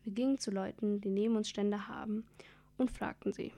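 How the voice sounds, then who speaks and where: A woman's voice: mid-range voice, steady tone, moderate pace, mellow. A woman reading a first-person children's story aloud in a plain manner.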